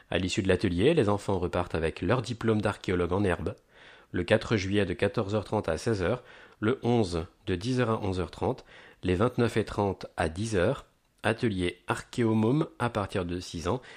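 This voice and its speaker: A man reading a scripted events listing in an upbeat announcer's manner, stressing the headlines. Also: lowish voice. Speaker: announcer of a local events agenda. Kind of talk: scripted promotional narration.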